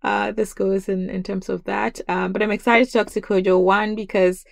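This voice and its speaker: A woman's voice: medium pitch, flat delivery, moderate pace, vocal fry, no echo. A woman from Ghana hosting a podcast interview, speaking hesitantly with many ums and laughing easily. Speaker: podcast host.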